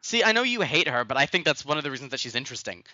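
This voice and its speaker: Bright-voiced man, thoughtful podcaster. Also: mid-range voice, big pitch swings, rapid-fire, lo-fi sound. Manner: thoughtful, hesitant restarts. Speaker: podcast co-host. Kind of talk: casual podcast chat.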